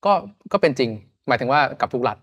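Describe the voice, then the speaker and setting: A man's voice: medium pitch, animated, fast talker, a bit bright, husky, no echo. A man from Thailand in his thirties, a podcast guest chatting casually in loose, slangy talk. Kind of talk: casual chat.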